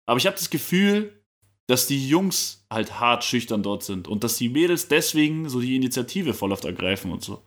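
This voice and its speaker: A man's voice: mid-range voice, big pitch swings, moderate pace, a bit bright. A young man co-hosting a podcast, talking casually in slangy, laid-back chat. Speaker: podcast co-host.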